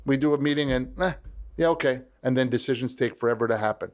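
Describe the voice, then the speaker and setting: A man as an interview guest, talking in a lively storytelling way and acting out the voices he quotes. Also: medium pitch, very fast. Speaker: leadership strategist guest. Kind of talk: conversational interview.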